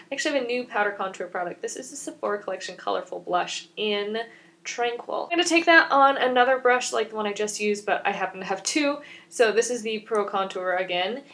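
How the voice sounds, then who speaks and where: A woman's voice: on the high side, a bit bright, slight background noise. A young woman in her twenties, a beauty vlogger, chatting and explaining each step of her makeup in a rambling, self-mocking way.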